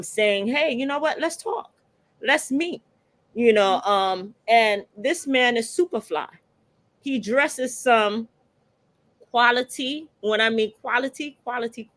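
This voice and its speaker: A woman's voice: a little high, a bit bright. A woman hosting a casual radio talk show, enthusiastic and full of praise for her guest. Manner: enthusiastic, bragging about the guest. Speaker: host.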